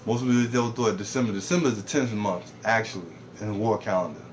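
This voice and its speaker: A man's voice: lowish voice, quick pace, a little hiss or hum. A man live streaming a game who rants off the cuff, cursing, repeating himself and mocking others in put-on voices. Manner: rambling, profane, repeats words, mocks others in put-on voices. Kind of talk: off-the-cuff rant while gaming.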